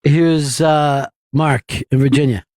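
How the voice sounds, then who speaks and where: A man's voice: on the high side, steady tone, slow pace, darkish tone, dry recording. Teasing male radio host, dry studio sound. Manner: teasing, laughs often, reads listener comments. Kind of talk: casual studio banter.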